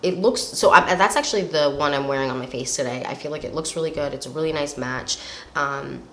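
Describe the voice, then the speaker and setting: A young beauty vlogger with a deep voice talks fairly quickly, sounding slightly nasal because she's recovering from a cold. She chats casually and rambles through product reviews with lots of fillers, in an echoey room with faint noise.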